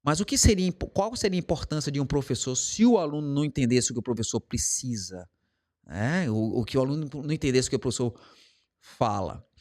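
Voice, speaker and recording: A Brazilian man who teaches English talks casually to camera about his method, using everyday examples and acted-out quotes while shifting his pace. His mid-range voice is lively in intonation, fairly quick, and darkish in tone.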